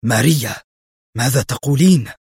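A man's voice: medium pitch, expressive, a little fast, slightly rough, no echo, studio quality. A man voicing an agitated, hot-tempered male henchman in an audiobook reading. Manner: agitated, insistent. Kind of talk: audiobook narration.

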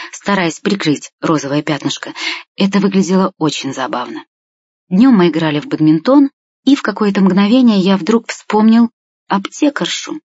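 Husky woman reading a boy's story. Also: on the low side, darkish tone, no room sound. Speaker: audiobook reader. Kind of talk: first-person story narration voicing a boy. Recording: dry, slightly muffled lo-fi recording.

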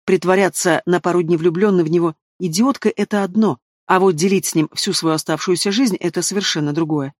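A man's voice: sits high, quick pace, few pauses, dry recording, studio quality. A man narrating a fantasy audiobook in the first person, reading expressively and speaking the heroine's lines himself.

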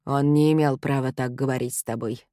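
An intense, obsessive young man, read by a woman in an audiobook. He speaks calmly but presses hard, in a low, dark voice. The sound is close and dry. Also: brisk, dry recording. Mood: pleading. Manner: calm, quietly pressing.

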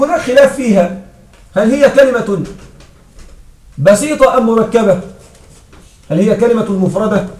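High voiced guy teaching grammar, keeps asking the class if it's clear, far from the mic in an echoey room. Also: a little mellow. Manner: checks understanding with frequent questions to students. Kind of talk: classroom lesson explaining grammar.

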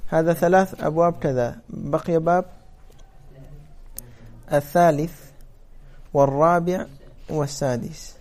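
A man lecturing on grammar with a somewhat high voice. He explains step by step and stops often to ask whether the class follows. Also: steady tone, a little slow, pauses often, darkish tone. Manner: explains step by step, checks understanding with questions. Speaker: teacher of Arabic morphology.

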